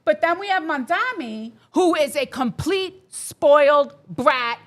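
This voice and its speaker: Woman podcast co-host, high lively delivery, emphatic and opinionated. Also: slow pace. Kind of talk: casual political chat.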